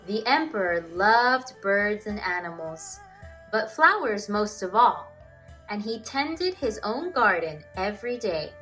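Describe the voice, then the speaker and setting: A woman teacher presenting and reading a children's storybook aloud in an expressive, emphatic storytelling manner. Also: medium pitch, slow pace, soft background music, rough recording.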